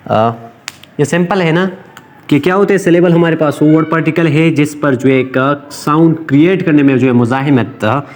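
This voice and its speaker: A man explains English grammar in a loose, informal lesson. He talks hesitantly, full of fillers and restarts, and slows right down to dictate English sentences word by word. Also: a little high.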